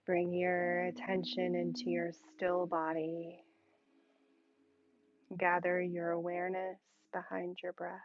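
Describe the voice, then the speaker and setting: A woman with a fairly low voice leads a soothing guided meditation as a yoga instructor. She speaks in short, calm phrases with long pauses, captured on a muffled recording.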